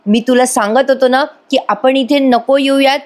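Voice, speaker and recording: A woman's voice: sits high, fairly even intonation, moderate pace, a little mellow, voice pushed up, close to an everyday voice. A woman voicing an irritated young husband.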